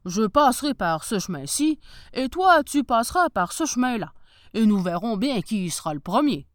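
A sly, hungry big bad wolf from a storybook, as a woman puts him on, drawing out each menacing line slowly. The voice is dry and close, with no room sound, and it swings about in pitch. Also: big pitch swings, dry recording.

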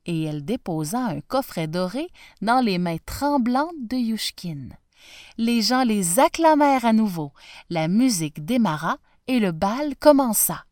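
A woman reading a storybook aloud, narrating in a gentle, expressive way. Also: fairly high pitch, measured pace, no echo, studio quality.

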